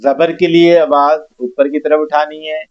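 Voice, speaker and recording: A man teaching a tajweed lesson, explaining and repeating letter sounds slowly for students to copy. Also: fairly high pitch, level tone, a little mellow. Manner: slow, repetitive, drawn-out syllables for students to copy. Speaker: Quran recitation teacher. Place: mosque classroom. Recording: dull lo-fi recording.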